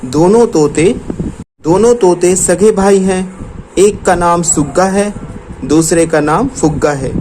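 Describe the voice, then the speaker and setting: A man's voice: slow pace, darkish tone, a little hiss or hum, rough recording. A man voicing a wise old hermit sage. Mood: explaining. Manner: patient explaining tone, raised and higher than his own voice.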